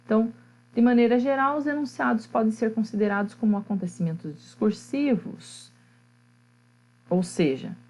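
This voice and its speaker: A woman with a Brazilian Portuguese accent teaching an online grammar class. She explains step by step, often checks in with her students and pauses on fillers while she thinks. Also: medium pitch, a little mellow, rough recording.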